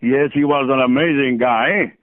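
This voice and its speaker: A man's voice: medium pitch, moderate pace, no room sound. Playful man on a tinny phone line. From New Orleans, USA. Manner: playful, jokey storyteller with frequent chuckles. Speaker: voice actor guest. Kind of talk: phone interview chat.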